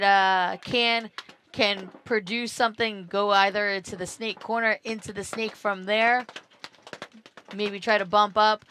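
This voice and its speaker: A woman's voice: medium pitch, a bit bright, a little hiss or hum. A woman doing live paintball commentary from a small booth beside the field, chatty, laughing often and repeating words as she talks.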